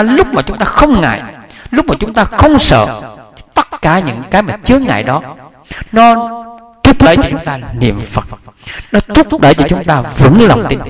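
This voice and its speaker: A man giving a Buddhist sermon, telling a story in a chatty way with many restarts. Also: sits high. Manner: conversational, repetitive restarts, chuckling asides. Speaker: Buddhist preacher.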